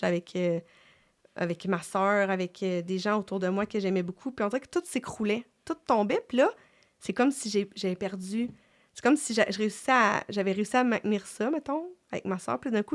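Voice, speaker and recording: A middle-aged woman with a Québécois French accent, hosting a casual faith chat in a reflective way, with many fillers and restarts. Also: medium pitch. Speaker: podcast host.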